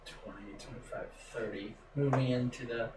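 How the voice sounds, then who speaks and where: A man's voice: mid-range voice, fairly even intonation, normal speed, crowd noise. A man playing a tabletop game, asking casual questions about his rolls. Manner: casual, asks rule questions. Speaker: player. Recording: roomy, distant mic with clear background noise.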